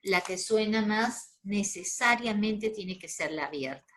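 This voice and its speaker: A woman's voice: medium pitch, unhurried, a bit bright, a little hiss or hum. A woman with a Peruvian accent teaching a grammar lesson, explaining patiently step by step and checking in with her students. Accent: Peruvian Spanish. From Peru.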